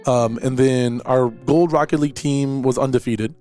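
A man's voice: medium pitch, fairly even intonation, moderate pace, warm tone, soft background music. A man, hosting a casual solo podcast and talking in a rambling way with repeated words and fillers. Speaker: podcast host and esports director.

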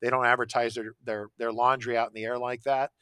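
A man with a bright, forceful voice talking casually, looping back to restart his sentences and tagging points with "right?". The sound is dry and close. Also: mid-range voice, level tone, fairly quick, clear, resonant tone, no echo. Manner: rambling, frequent restarts and "right?" tags. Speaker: podcast guest. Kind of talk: casual conversation.

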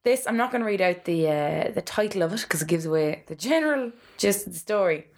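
A woman's voice: lowish voice, expressive, fast talker, a little mellow. An Irish woman co-hosting a casual podcast, reading a listener's story with bawdy relish. She swears freely and breaks into giggles, and her voice rises and falls a lot as she tells it. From Ireland. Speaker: podcast co-host.

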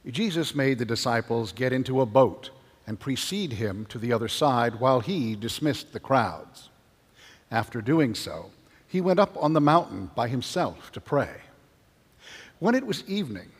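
A man serving as priest, reading the gospel and preaching in a measured, earnest way, with his voice ringing in a large church. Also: mid-range voice, sing-song, breathy edge. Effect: cathedral echo. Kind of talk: gospel reading and homily at Mass. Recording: long cathedral reverb.

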